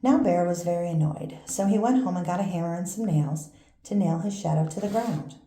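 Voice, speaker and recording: An older woman, a grandmother, reading a children's picture book aloud in a gentle, unhurried storytelling manner. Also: fairly low pitch. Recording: roomy echo with faint background noise.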